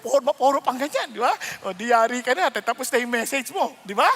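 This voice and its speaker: A middle-aged man preaching a conversational sermon as a pastor, playful and animated, laughing often and putting questions to his listeners. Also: extremely high pitch, fairly quick, in a large hall.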